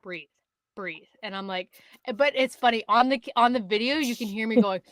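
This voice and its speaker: A woman from Canada co-hosting a podcast, telling a hunting story in casual chat, animated and swearing, acting out other people's words. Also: a little high, fast, no room sound. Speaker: podcast co-host.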